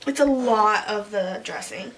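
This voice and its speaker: A woman's voice: mid-range voice, animated, measured pace, fairly bright tone, distant mic, a little hiss or hum. A teenage girl chatting playfully as a friend and co-host while cooking in a home kitchen. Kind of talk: casual chat while cooking. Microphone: camera on the counter.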